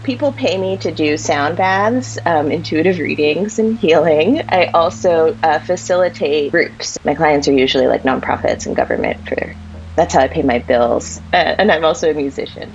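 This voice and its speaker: Low voiced woman healer introducing herself, muffled kinda sound. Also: moderate pace, vocal fry, a little hiss or hum.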